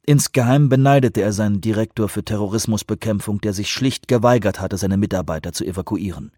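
A man reading an audiobook thriller in scripted narration, even and measured. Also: on the low side, dry recording, clean studio sound. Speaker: audiobook reader.

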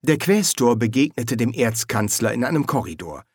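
A man narrating a fantasy audiobook in an expressive, lively reading. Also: mid-range voice, normal speed, no echo, studio quality.

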